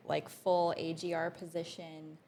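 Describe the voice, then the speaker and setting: A young Canadian woman who works as a realtor is a guest on a podcast. Her voice is low, level and mellow. She talks earnestly and conversationally, offering quick short agreements.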